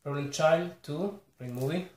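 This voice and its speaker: Recorded in an echoey small bedroom with a little background noise, an Argentine man with a slightly high voice chats casually to the camera. He's a collector presenting his haul, and as a native Spanish speaker with an Argentine accent he goes through the titles one by one, hesitant and apologetic.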